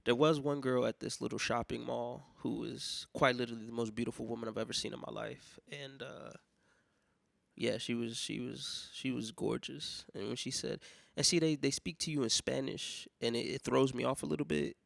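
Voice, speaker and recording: A young American man talks through a loose, profane solo monologue, his voice gravelly and rough at the bottom. He is getting over a cold and breaks into loud, mocking outbursts as he tells his stories. The sound is close and dry, with no room behind it. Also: mid-range voice, moderate pace, dry recording. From United States. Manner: profane, rambling, animated storytelling with loud mock outbursts. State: sick with a cough and congestion. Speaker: podcast host.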